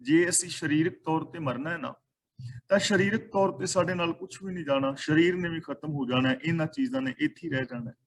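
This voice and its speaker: A man giving a sermon, chanting scripture lines slowly and then explaining them plainly. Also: a little high, rough recording. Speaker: Sikh scripture teacher.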